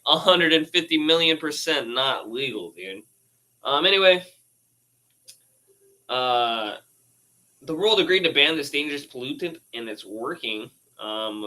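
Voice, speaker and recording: A man's voice: mid-range voice, pushed and bright, poor audio. A casual man reading out news posts and riffing on them, with laughing asides and swearing. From United States. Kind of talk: casual rambling commentary.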